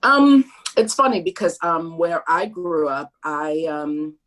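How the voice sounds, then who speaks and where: A middle-aged woman from Brooklyn talking as an interview guest, thoughtful and measured, with frequent pauses and restarts. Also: low-pitched, a bit bright, low-quality recording. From Brooklyn, New York, USA. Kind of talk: candid sit-down interview.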